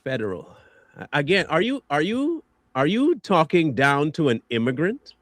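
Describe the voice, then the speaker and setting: High, lively man in dry close sound. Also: dry recording. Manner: animated, mocking, quick to laugh. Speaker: livestream co-host. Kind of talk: casual livestream banter.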